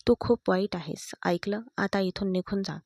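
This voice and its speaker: A woman's voice: medium pitch, moderate pace, mellow, dry recording, studio quality, lightly acted. A woman voicing a proud young mother who bitterly pushes her husband away, in a read-aloud story. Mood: defiant.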